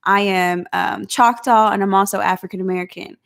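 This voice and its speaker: Country woman chatting on a live stream, folksy and relaxed, mid pitch. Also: a little fast, creaky. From Southeast Oklahoma. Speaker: vlog host. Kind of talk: casual live chat.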